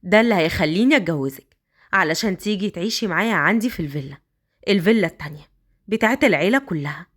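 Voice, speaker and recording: A woman with an Egyptian accent voicing a smitten older rich man who coaxes in slow, drawn-out lines. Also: on the low side, lively intonation, a bit bright, pitched below the performer's own voice. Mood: coaxing. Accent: Egyptian Arabic.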